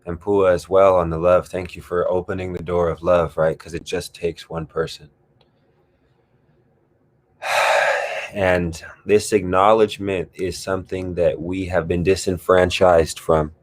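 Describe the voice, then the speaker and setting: Deep-voiced guy leading a slow meditative group talk, calm and drawn out, takes his time. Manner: calm, drawn-out, reflective, with sighs. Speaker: host leading a guided discussion.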